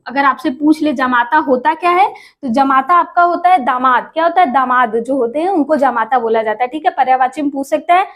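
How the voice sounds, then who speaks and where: Woman teacher w/ a high voice, quizzing viewers n repeating answers. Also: a little fast, hardly any pauses, fairly bright tone. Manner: addresses viewers as friends, asks and repeats answers. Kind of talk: exam prep lesson.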